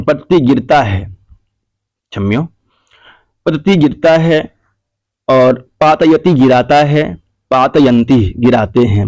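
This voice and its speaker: Slow, dry-voiced male teacher. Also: medium pitch, darkish tone, no room sound. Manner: slow, repetitive dictation of exercise answers. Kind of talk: classroom grammar lesson.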